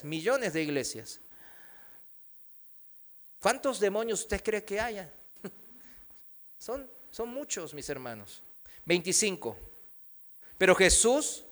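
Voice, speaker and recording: A man with a high, bright, clear voice preaches in a church. He talks slowly, pausing for emphasis and putting questions to his listeners. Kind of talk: sermon.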